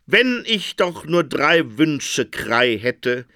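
A flustered, henpecked king whines and sighs in a bright, swooping voice, as a male storyteller puts him on. He jumps between indignant squeaks and drawn-out moans, comic storybook style. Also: sing-song, gravelly, no room sound, studio quality, full character voice. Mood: wistful. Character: henpecked whiny king, middle-aged man.

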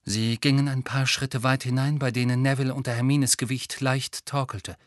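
A man narrating an audiobook in a measured, even storytelling way. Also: mid-range voice, dry recording, studio quality. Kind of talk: scripted narration.

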